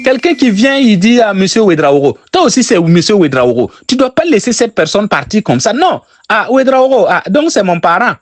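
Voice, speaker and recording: A man's voice: high voice, very animated, moderate pace, hardly any pauses, no room sound, faint music behind. A man from Burkina Faso with a Burkinabè French accent, teaching sales techniques and repeating his key phrases for emphasis. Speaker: sales trainer.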